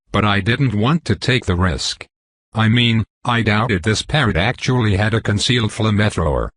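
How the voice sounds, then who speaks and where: راوٍ بصوت منخفض مبحوح. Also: male voice, fairly low pitch, fairly bright tone, breathy edge, no room sound. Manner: wry, profane. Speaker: audiobook narrator. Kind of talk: first-person scripted narration.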